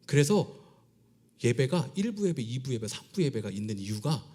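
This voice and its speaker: Animated pastor preaching with lively swings. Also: male voice, mid-range voice, moderate pace. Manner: animated preaching, voicing God and Jonah in dialogue, dropping to whispers. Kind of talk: sermon. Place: church sanctuary.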